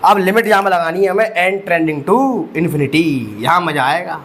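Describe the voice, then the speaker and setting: A man's voice: sits high, fairly even intonation, normal speed, fairly bright tone, slight background noise. A young man teaching maths, walking students through each step with rhetorical questions and calling them bhai sahab. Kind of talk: exam-prep lecture.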